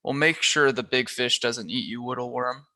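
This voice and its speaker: A man's voice: mid-range voice, normal speed, sharp tone, no room sound. A man voicing a teasing boy who talks in a mocking baby voice while reading a storybook aloud.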